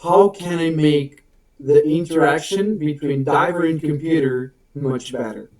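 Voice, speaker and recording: Speaking with a Portuguese accent in his first-language-Portuguese English, a man from Portugal delivers an online guest talk that's friendly, self-deprecating and quick to laughter. He has a fairly high, unhurried, slightly mellow voice, captured in an echoey room well away from the mic.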